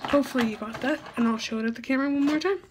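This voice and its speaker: Teen girl vlogger, chatty and giggly, slightly high-pitched, faint noise on the recording. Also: very fast. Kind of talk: casual show-and-tell.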